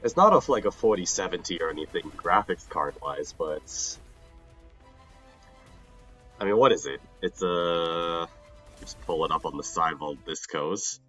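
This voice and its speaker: With a deep, a bit bright voice, a young man chats a little slowly on his gaming livestream, pausing often. He sounds slightly nasal, a little sick and tired, rambling, restarting his sentences and laughing frequently, as faint music plays behind.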